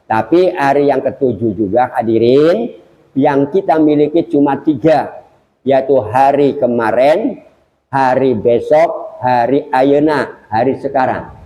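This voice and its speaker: An older man preaching at a mosque study gathering, lively and joking, talking straight to the congregation. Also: medium pitch, measured pace. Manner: lively, jokey, addresses audience directly. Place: large mosque hall. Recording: echoey mosque hall.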